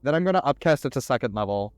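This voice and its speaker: Male player, smooth clear voice, dry close sound, plain number-crunching delivery. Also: mid-range voice, expressive, very fast, dry recording. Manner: matter-of-fact, reads out dice numbers. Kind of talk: casual tabletop play.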